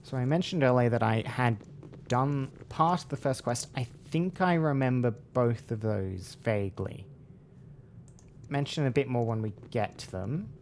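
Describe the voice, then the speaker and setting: A man doing casual let's-play commentary, low-key and half muttering to himself as he plays. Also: unhurried, a little mellow, slight background noise. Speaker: game player and commentator.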